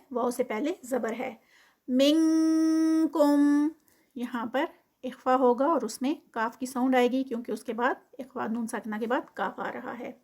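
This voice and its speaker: A woman with a high voice gives a Quran recitation lesson. She draws each verse phrase out slowly and carefully. Then she explains the rule in a brisk, matter-of-fact way. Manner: slow drawn-out recitation, then quick plain explanation.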